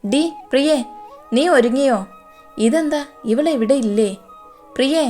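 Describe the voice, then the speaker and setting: A woman voicing a scornful scheming stepmother, fairly high voice. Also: measured pace, a little mellow, soft background music. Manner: scornful, harsh and bossy. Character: scheming greedy stepmother, middle-aged woman.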